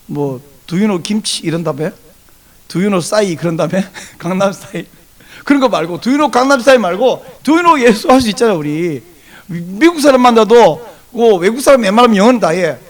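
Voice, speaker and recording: A man's voice: high-pitched, fairly quick. A male pastor giving a Sunday sermon, telling stories animatedly and acting out bits of dialogue in different voices. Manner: animated storytelling, acts out dialogue in varied voices.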